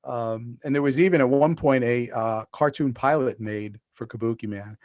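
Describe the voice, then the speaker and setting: This middle-aged author, a guest on a video-call podcast interview, rambles through long stories full of restarts and fillers. He speaks at a moderate pace with a medium, slightly mellow voice, and the recording is muffled with no room sound.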